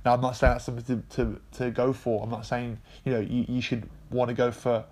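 Nasal-sounding man with a flat delivery. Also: mid-range voice, brisk. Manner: rambling, filler-heavy, loose swearing. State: congested from a cold. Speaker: video essay host. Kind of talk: casual explanatory monologue.

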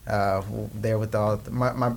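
A young Peruvian company co-founder, interviewed as a guest, tells family stories in casual chat, speaking in quick bursts packed with fillers. His voice is on the low side and gravelly, with fairly even intonation, and there's a little hiss or hum.

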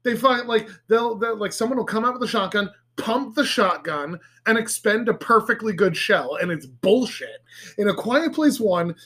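High-voiced excitable guy podcaster. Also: moderate pace. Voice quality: animated, swears freely, goes high and shrill when laughing. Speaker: podcast co-host. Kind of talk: casual chat. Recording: several people chatting around one mic.

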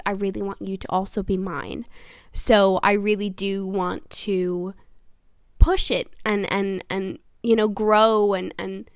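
A woman's voice: medium pitch, smooth, no echo. Chatty young woman podcaster, dry close sound. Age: 20s. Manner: chatty, earnest, many fillers and restarts. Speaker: podcast host. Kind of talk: casual solo podcast chat.

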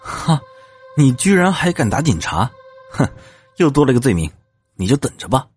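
A man voicing a cocky young male police officer who talks smugly and teasingly, with a husky voice. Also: medium pitch, sing-song, moderate pace, darkish tone, faint music behind, natural voice. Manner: smug, teasing, with scoffs. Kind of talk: audio drama acting.

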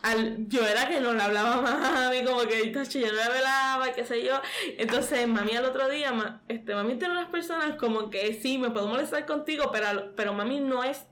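A woman's voice: fairly high pitch, fairly quick, fairly bright tone. A young woman from Puerto Rico with a Puerto Rican accent tells an emotional personal story as an interview guest. She rambles with many fillers and re-enacts the dialogue. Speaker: interview guest, pastor's daughter. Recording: faint background noise.

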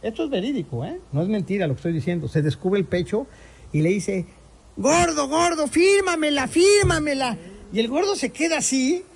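Mexican guy hosting a sports podcast, husky voice, tells stories all animated and swears a lot. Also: sits high, quick pace. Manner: animated storyteller, swears freely. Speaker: podcast host. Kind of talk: casual sports chat and storytelling.

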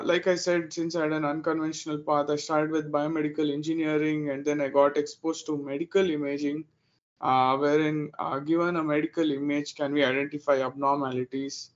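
A man's voice: fairly high pitch, muffled recording. A man in his thirties from India with an Indian accent, a guest answering interview questions, hesitant with many fillers.

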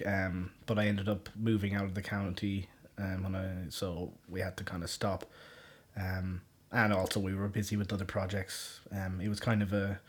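A man's voice: lowish voice, darkish tone. A man of thirty-one with a west of Ireland accent, hosting a solo podcast in casual, rambling, informal chat. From Galway, west of Ireland. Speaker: podcast host. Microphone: condenser shotgun mic.

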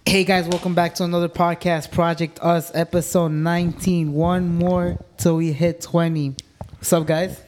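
A man with a fairly high voice hosts a podcast in loose, slangy chat. Faint noise and clicks sit behind him. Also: flat delivery, moderate pace, darkish tone. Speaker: podcast host.

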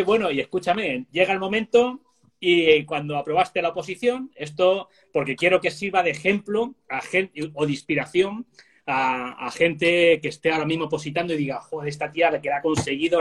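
Man, interviewer, husky voice, fairly high, encouraging questions. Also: fairly quick. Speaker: interviewer, host. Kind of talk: conversational interview.

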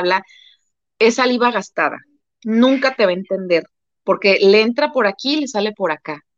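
A woman's voice: mid-range voice, dry recording. Woman, Mexican Spanish accent, casual live co-host, emphatic repetitions, dull dry recording. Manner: emphatic, repeats phrases for effect. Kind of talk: casual live-stream chat.

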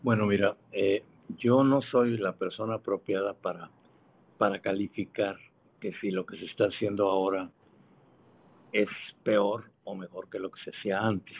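Husky older Mexican man on a phone line. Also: lowish voice, steady tone. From Monterrey, Mexico. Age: 70s. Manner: measured, unhurried, gently modest. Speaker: guest, retired broadcaster. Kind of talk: phone interview.

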